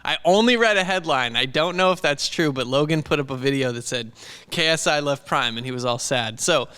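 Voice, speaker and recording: A man co-hosting a casual podcast chat in an animated, reflective, informal way. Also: a little high, fairly quick, clean tone, big-room sound. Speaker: podcast co-host; video editor. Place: indoors.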